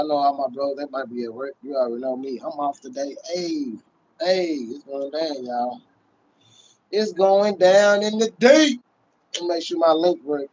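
Leaning high and a little mellow, this middle-aged man's voice comes through a close phone with its highs cut off. He's in a small indoor room hosting a sports livestream as a Cowboys fan, casual, slangy and sweary, with catchphrases he keeps repeating.

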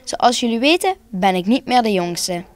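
A woman's voice: fairly high pitch, lively intonation, moderate pace, close to an everyday voice. A woman reading as an old, solemn head Santa. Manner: warm, solemn storybook speech. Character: old head Santa, a kindly male leader.

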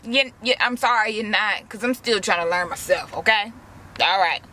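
Young woman w/ talking to her viewers from her car, bright highish voice, faint hum behind. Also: normal speed. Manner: chatty, slangy, talks straight to viewers. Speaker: vlogger. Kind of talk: casual chat while doing a face mask. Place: inside a parked car. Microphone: camera close in front.

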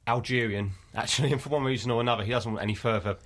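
Fast-talking jokey man from Essex. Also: mid-range voice, a bit bright. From Essex, England. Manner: jokey, rambling, self-mocking. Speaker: guest, spoof news writer. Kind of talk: casual interview chat.

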